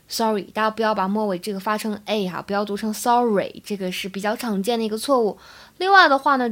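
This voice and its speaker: A woman's voice: on the high side, fairly bright tone. A young woman from China teaching spoken English, explaining pronunciation step by step in an upbeat way. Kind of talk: podcast-style English lesson.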